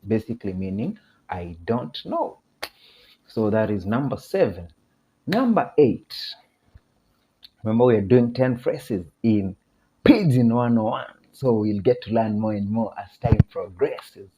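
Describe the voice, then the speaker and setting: A man with a Kenyan accent teaching a casual video lesson, chatty, laughing often and repeating phrases slowly. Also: fairly low pitch, sing-song, muffled recording, slight background noise.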